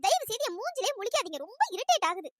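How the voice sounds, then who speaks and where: A squeaky, bright cartoon college girl, rapid-fire scolding, fiery temper, dry close mic. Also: very animated, dry recording, full character voice. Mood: annoyed scolding. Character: fiery young female college student. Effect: pitch-raised voice. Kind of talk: cartoon voice acting.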